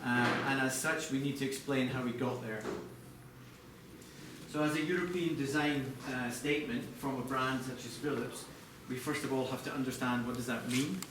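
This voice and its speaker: A chief designer, male, presents products to a live audience in a measured, explanatory way with a steady tone. He's recorded on a distant mic in a large, echoey indoor presentation space, with background noise audible.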